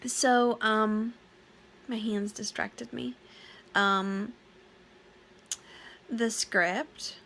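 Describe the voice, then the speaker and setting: A woman's voice: mid-range voice, steady tone, drawn-out words, creaky, pauses often, a bit bright, slight background noise. A woman working as a direct sales consultant, giving a casual training talk to her team. She sounds tired and yawny late at night but stays chatty and eager, with lots of fillers and restarts.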